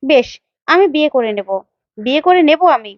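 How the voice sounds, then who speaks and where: A woman's voice: sits high, animated, moderate pace, no echo, lo-fi sound. A woman voicing a young woman who insists and pleads over a lost love. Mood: desperate.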